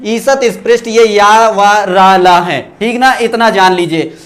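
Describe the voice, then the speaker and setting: A man with a very high voice takes an online class through Sanskrit sounds, saying each letter aloud. He asks a question, pauses, and answers it himself, and stops to thank viewers for their comments. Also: a bit bright. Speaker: Sanskrit teacher. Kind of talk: online exam-prep lesson.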